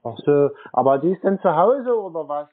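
Over a narrow, phone-like line, a man with a slightly high, slightly rough voice and big pitch swings talks at a moderate pace. He's a prank caller posing as a customer, pressing on with naive-sounding questions in a phone conversation.

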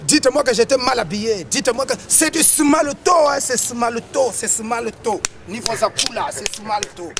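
A man's voice: very high voice, moderate pace, few pauses, crowd noise. A man, bragging and mocking in street banter about clothes. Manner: boastful, mocking. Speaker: sapeur.

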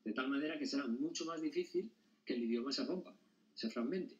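A man's voice: medium pitch, a little fast. A man teaching a lecture class who keeps asking his students whether they follow, at a distance the mic. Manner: explanatory, often checks understanding with questions. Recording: dull sound, mic at a distance.

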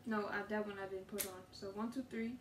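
A woman's voice: mid-range voice, little pitch movement, quick pace. A young woman chatting casually with a teasing manner. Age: young adult. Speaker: challenge participant. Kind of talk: casual chat. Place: small bedroom, indoors. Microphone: camera several feet away. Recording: echoey, distant mic, background noise.

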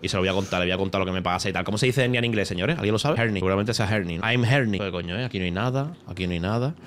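Streaming a game from his home setup, a Spanish man with an Andalusian accent rambles, swears and jokes with his chat. His voice is deep and fairly bright, and he talks very fast.

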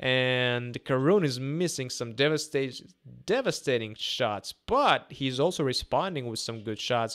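A man's voice: mid-range voice, a bit bright. A man in his twenties with a Russian accent, a native Russian speaker, gives casual live boxing commentary, often repeating himself and hesitating. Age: 20s. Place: small indoor room. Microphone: close podcast microphone on a boom arm.

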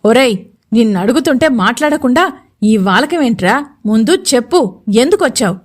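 A woman voicing a domineering, jealous male landlord who threatens his servant, slow and emphatic. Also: on the high side, expressive. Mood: bossy.

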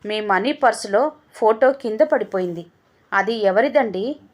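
A woman's voice: mid-range voice, a little slow, lightly acted. A woman voicing a timid but indignant young wife in a storybook tale, speaking with hurt bitterness. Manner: hesitant, then bitter.

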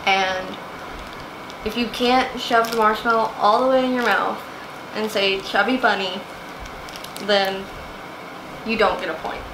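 A woman's voice: mid-range voice, steady tone, a little slow, long pauses. A young adult woman hosting a casual vlog chat. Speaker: host. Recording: echoey, noisy home recording.

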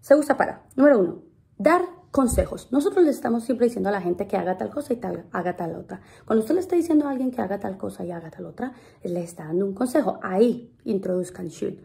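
A young woman hosting a casual English lesson video, chatty and playful, slowing down to model English sounds. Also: medium pitch, expressive, creaky, warm tone. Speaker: English teacher and channel host.

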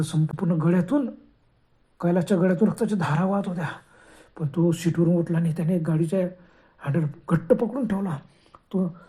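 A man's voice: high-pitched, warm tone. A man telling a horror story in a dramatic way, full of gasping exclamations.

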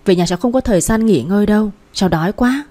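A woman voicing a timid young pregnant wife who speaks softly and coaxingly. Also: medium pitch, fast talker, natural voice. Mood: pleading. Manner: soft, coaxing.

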